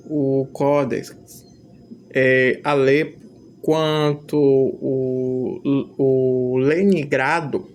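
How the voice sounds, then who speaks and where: A teacher giving an explanatory lesson, deliberate and insistent, pushing hard on key words. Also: medium pitch, darkish tone, slight background noise. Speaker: Hebrew teacher.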